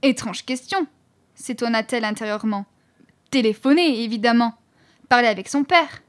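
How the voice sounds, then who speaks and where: A woman narrating a children's story in an expressive, clear reading voice. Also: a little high, moderate pace. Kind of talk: audiobook narration.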